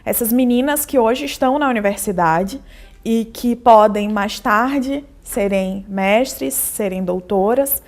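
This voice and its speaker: Her voice sitting on the high side and slightly mellow, a female journalist and university lecturer offers interview testimony. She speaks in an earnest, measured way and often tags a questioning "né?" onto her phrases.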